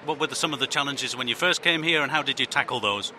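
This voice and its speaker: A man hosting a podcast, asking passers-by brisk questions and narrating between interviews. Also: mid-range voice, background noise. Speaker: podcast host. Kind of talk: street interviews and scripted narration.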